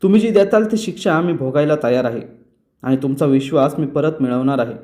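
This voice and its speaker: Young guy begging his dad for a chance, man reading it, pleading and kinda high. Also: fairly quick, dark tone, natural voice. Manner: pleading, apologetic.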